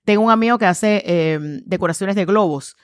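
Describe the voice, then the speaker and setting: A middle-aged woman, a communications trainer, talking with lots of energy in a low voice and acting out quoted voices as she tells stories in an interview. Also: moderate pace, no echo, studio quality. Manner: acts out quoted voices, lively storytelling. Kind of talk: animated interview conversation.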